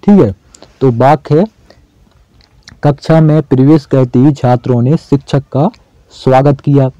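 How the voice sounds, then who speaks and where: A man talks through exam questions like a relaxed teacher. He often asks a question and answers it himself. His voice is very dark and mellow, recorded dry and slightly dull. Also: mid-range voice, a little slow, no echo. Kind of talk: casual exam-prep lesson.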